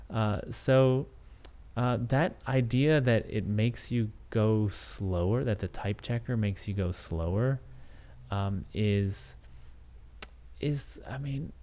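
Hosting his podcast alone, this man speaks English as his first language and reasons aloud in a halting, reflective way, restarting often and leaning on fillers. His voice sits lowish with a darkish tone.

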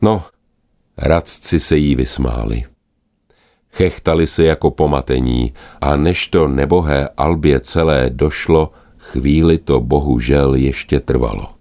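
A man narrating a children's animal story in a gentle, expressive manner. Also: rumbling low.

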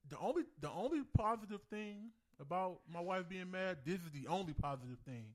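Casual male co-host, slightly high-pitched, thick-tongued underbite slur, rambling and repetitive. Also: expressive, fairly quick. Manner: rambling, self-correcting, repeats phrases for emphasis. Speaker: co-host of a relationship talk show with his wife. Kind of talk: casual relationship chat.

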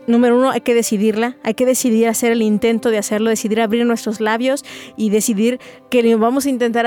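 Earnest woman teaching, higher voice. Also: darkish tone. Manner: earnest, explanatory, acts out example phrases. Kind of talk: teaching talk to an audience.

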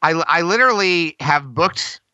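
A man's voice: fairly high pitch, animated, moderate pace, sharp tone, dry recording, lo-fi sound. An American man telling self-deprecating stories in a casual interview, laughing often. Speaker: guest performer.

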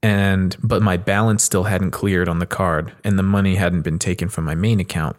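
A man's voice: deep voice, steady tone, normal speed. A man hosting a podcast, telling stories in a casual, informal and sweary way. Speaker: podcast host. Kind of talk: casual conversational storytelling.

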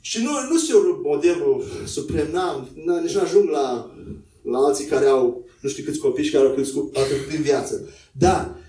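A man preaching a sermon in a conversational way, acting out quotes in a higher voice. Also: dark tone. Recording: echoey room, voice from a distance.

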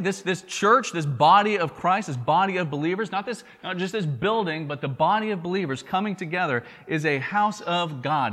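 Man, Southern accent, pastor, earnest sermon, repeats words, fairly high pitch, reverberant hall. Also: fairly bright tone. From Tennessee. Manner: earnest, repeats words, asks "right?" often.

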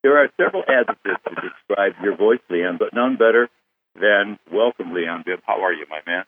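A man's voice: fairly low pitch, expressive, normal speed. A male host running a phone interview, effusive in his praise for his guest. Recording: tinny phone line.

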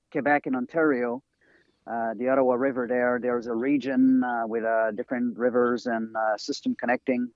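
French-accented man, native French, interview guest, halting delivery full of "uh"s, dry dull lo-fi recording. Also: medium pitch, darkish tone, dry recording. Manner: halting, many fillers and restarts. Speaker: guest researcher and author. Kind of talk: interview talk over a call.

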